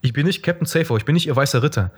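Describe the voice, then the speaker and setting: A man's voice: on the high side, expressive, rapid-fire, slightly rough. A young man talking bluntly and crudely in a casual podcast chat, ranting about people he knows.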